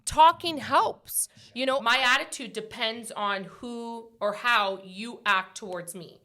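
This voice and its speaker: A woman's voice: on the high side, takes it slowly, pushed and bright. A woman in her forties hosting a casual motivational talk show. She speaks emphatically, repeats her points and often ends with "right?". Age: 40s. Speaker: podcast host.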